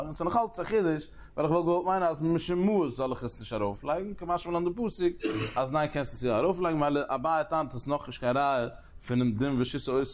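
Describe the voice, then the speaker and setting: Fast-talking man teaching a religious text. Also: mid-range voice. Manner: rapid, restless, repeating and restarting phrases, posing questions. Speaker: Talmud teacher. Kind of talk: religious study lecture.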